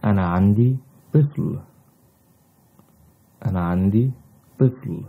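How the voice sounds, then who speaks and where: A man whose native language is Arabic, teaching a language lesson in deliberate, halting short phrases on a slightly dull recording. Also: on the low side, creaky, husky. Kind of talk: slow instructional language lesson.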